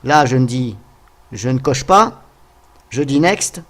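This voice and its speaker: A man narrating a casual software tutorial, thinking aloud as he goes and talking to viewers with frequent hesitant fillers. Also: medium pitch, lively intonation, slow pace. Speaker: tutorial host.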